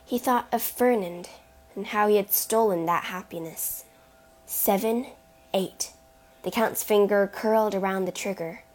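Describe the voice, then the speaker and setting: A woman narrating a chapter book in a slow, deliberate reading voice. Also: mid-range voice. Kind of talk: storybook narration.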